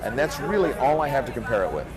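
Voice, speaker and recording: A flea circus showman with a medium-pitched, sing-song voice talks quickly, giving earnest, reflective answers in a casual interview. It was recorded outdoors in low quality, with crowd chatter and street noise around him.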